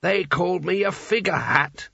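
An imperious ancient wizard's hat, pitched well above a normal male voice, proclaiming with grandiose, sarcastic authority in an audiobook, as a man puts it on. The recording is dry and a little dull. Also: measured pace, sharp tone, dry recording, full character voice. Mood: sarcastic, commanding.

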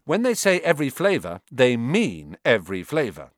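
A man voicing a blunt, chatty eleven-year-old schoolboy with a quick offhand manner. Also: medium pitch, wildly swooping pitch, no echo, clean studio sound.

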